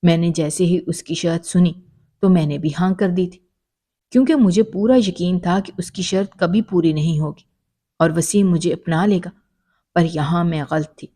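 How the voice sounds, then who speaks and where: Female storyteller, warm low voice, emotional first-person narration.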